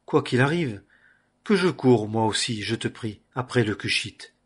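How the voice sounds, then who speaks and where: A man's voice: medium pitch, lively intonation, measured pace, slightly rough. A man reading the lines of an eager young messenger during a scripture reading. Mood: pleading.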